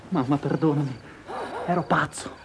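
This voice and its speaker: An actor playing a tormented young man in a 1980s TV drama, pleading with his mother, bitter and impassioned, swinging between hushed tones and outbursts. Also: on the high side, normal speed, slight background noise, close to an everyday voice. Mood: contrite.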